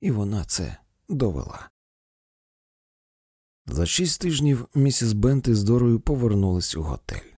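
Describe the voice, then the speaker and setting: A man narrating an audiobook in an expressive storytelling manner, recorded on a close mic. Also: on the low side, husky, no room sound. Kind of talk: audiobook reading.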